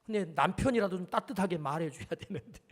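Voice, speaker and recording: A man's voice: high voice, lively intonation, fast talker, big-room sound. A male pastor giving an earnest storytelling sermon, acting out the quotes in it. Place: church sanctuary.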